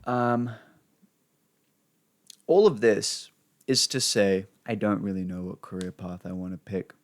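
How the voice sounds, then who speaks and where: Talking to camera at his computer, a young Australian man delivers an unplanned, rambling monologue in an unhurried, lowish voice. The studio-quality audio has no room sound, though he occasionally pops his desk mic, and his vlog is full of swearing and "you know."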